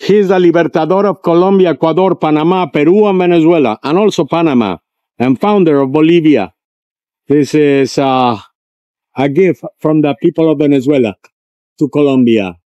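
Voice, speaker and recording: An older man hosting a walking tour vlog outdoors on city streets, filmed with a handheld camera at arm's length, pitching his tours to viewers with enthusiasm. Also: normal speed, warm tone, dull audio. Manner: enthusiastic salesy asides to viewers. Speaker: tour guide.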